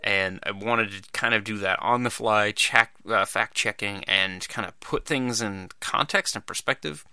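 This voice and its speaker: A man's voice: on the low side, measured pace, sharp tone, smooth, no room sound. A man hosting his own podcast, talking loosely in casual solo commentary with many fillers and restarts. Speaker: podcast host.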